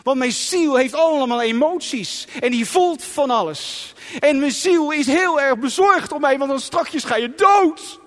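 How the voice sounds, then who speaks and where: A man's voice: very high voice, lively intonation, a little slow, fairly bright tone. A man preaching a sermon in an emphatic, dramatic way, sometimes acting out inner voices. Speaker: pastor. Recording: long reverb of a church hall.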